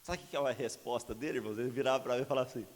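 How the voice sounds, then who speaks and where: A man preaching a sermon at a church summer camp, telling his own story in a lively way and acting out the voices. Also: medium pitch, rapid-fire, slight background noise. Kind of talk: sermon with personal testimony. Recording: reverberant church hall.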